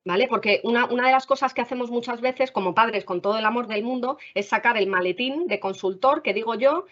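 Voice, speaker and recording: A woman's voice: a little high, brisk. A woman with a Spain Spanish accent, a school counselor giving parents practical advice in a webinar, often checking in with the audience. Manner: warm advisory tone, frequent "vale?" checks. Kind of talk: explanatory talk to parents. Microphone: video call. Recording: dull video-call audio.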